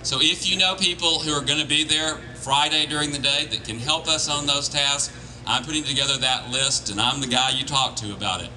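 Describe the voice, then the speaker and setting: A plain-spoken man giving an informal political speech as a campaign organiser, with halting restarts. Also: mid-range voice, bright, forceful tone, poor audio. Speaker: campaign organiser addressing volunteers. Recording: crowd noise behind live speech. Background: crowd.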